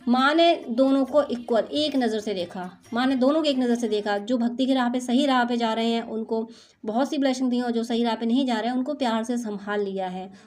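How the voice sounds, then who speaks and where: A woman's voice: fairly high pitch, brisk, darkish tone. A woman doing an intuitive spiritual reading for her viewers, talking in a soothing, motherly, reassuring way. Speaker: spiritual card reader.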